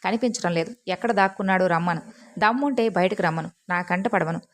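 A woman's voice: lowish voice, a little fast, close to an everyday voice. A woman voicing a furious, arrogant male demon king in a devotional storybook telling, threatening and mocking his son. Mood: enraged.

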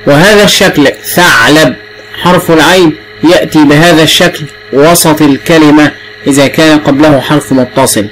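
On a rough recording with slight background noise, a man whose voice sits on the high side teaches the alphabet to young children in Egyptian-accented Arabic. His prompting is patient, drawn out and repetitive as he stretches each sound.

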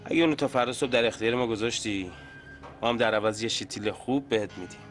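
An actor in a TV drama playing a cold, calm gangster who threatens the other man. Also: mid-range voice, soft background music, natural voice. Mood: menacing. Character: calm menacing male gangster boss.

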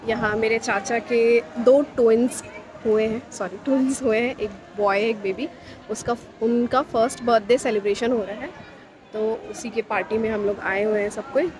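A woman's voice: a little high, steady tone, normal speed, rough recording. A young woman vlogging to a phone held at arm's length, chatting directly to viewers and mixing Hindi with English words. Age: young adult. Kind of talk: casual travel vlog to camera. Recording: busy crowd noise behind.

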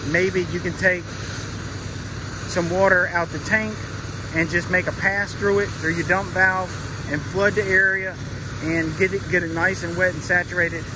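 A man with a fairly high voice explains a job in a relaxed, folksy way, with plenty of ums and uhs. He is outdoors in a parking lot, and a loud pressure washer runs behind him. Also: noisy background. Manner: casual, folksy, with frequent fillers. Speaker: pressure washing business owner and trainer. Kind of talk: instructional talk to camera.

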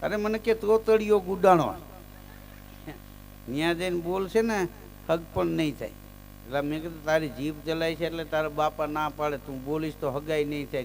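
A man telling folk stories live on stage. He chants verses loudly, then drops into easy chat and lands his punchlines. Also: a little high. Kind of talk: live folk storytelling with recited verse and jokes.

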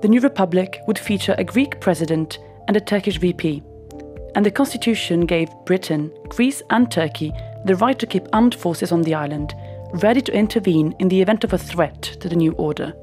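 A woman giving scripted documentary narration in an even, explanatory manner. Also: lowish voice, a little fast, faint music behind.

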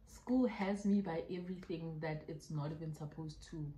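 In a relaxed mukbang Q&A filmed indoors at home, a South African YouTuber in her twenties eats, laughs frequently and mixes in local expressions. She speaks unhurriedly in a low, steady, warm voice. The audio is rough and reverberant with a little hiss or hum.

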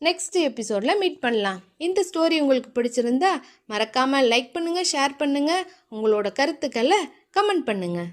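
A woman narrating a romance novel in a steady, even reading voice. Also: high voice, moderate pace.

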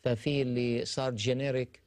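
Doctor explaining on TV. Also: male voice, mid-range voice, little pitch movement, a little fast, darkish tone, dry recording. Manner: explanatory, gestures while talking, mixes in English terms. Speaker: doctor guest. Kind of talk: medical talk show discussion. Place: TV studio.

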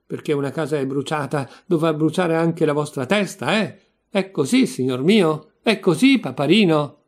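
A man voicing an irate male lodger who shouts mocking questions. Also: fairly high pitch.

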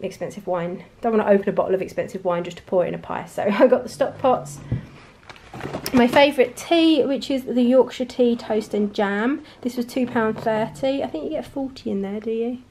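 Seated at a table of shopping in her home, a middle-aged British grocery haul vlogger talks viewers through her purchases, chatty and amused at herself, with frequent light laughter. She speaks fairly quickly in a slightly high, darkish voice. She is off screen, filmed on a handheld camera, with slight background noise.

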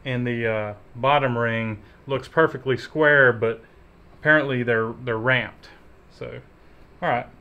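In his garage workshop, an easygoing man in his thirties rebuilds an engine and chats as he works with his hands, hosting as a mechanic. He speaks at a measured pace in a medium pitch, and the audio sounds dull.

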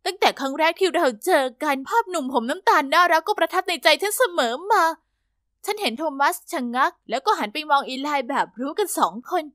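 Young female narrator for an animated story, high and bright, dry close recording. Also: brisk, no echo. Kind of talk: first-person story narration.

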